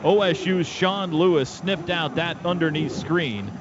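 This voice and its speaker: An American man with a fairly high voice calls live radio football at a measured pace, using clipped present-tense bursts as play-by-play announcer. Recorded in a stadium radio booth, the broadcast is dull and noisy, with outdoor stadium noise clearly present.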